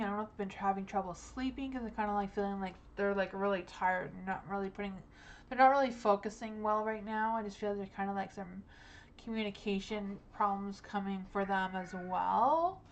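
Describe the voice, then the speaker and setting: A young woman live-streaming tarot readings, talking in a rambling, hesitant way with many likes and ums. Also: mid-range voice. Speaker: tarot reader.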